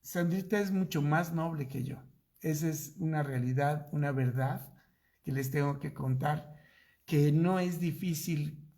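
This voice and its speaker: Slow gravelly Mexican pastor. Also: male voice, a little high, mellow. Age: middle-aged. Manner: slow, drawn-out storytelling with acted-out dialogue. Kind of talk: storytelling Bible study sermon.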